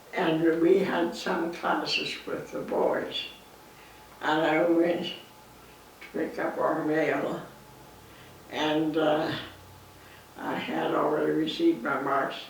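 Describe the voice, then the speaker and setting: A very old Canadian woman reminisces in an interview, slowly and with a gravelly creak in her voice. She halts and pauses mid-sentence. The recording is very echoey, picked up from a distance. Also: low-pitched. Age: 90s. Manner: halting, pausing mid-sentence. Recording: echoey, distant mic, faint noise.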